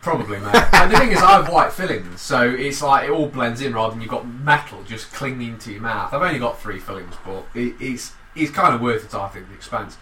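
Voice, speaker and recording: A man in casual banter, rambling and animated and swearing often. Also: medium pitch, brisk, few pauses, distant mic. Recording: echoey room, off-mic, faint ambience.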